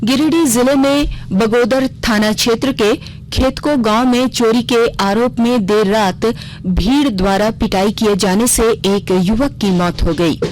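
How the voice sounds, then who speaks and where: Reading a formal radio news bulletin as anchor, this woman speaks in an unhurried way with a fairly high, slightly mellow voice. She's in a radio studio, and the regional broadcast carries obvious noise.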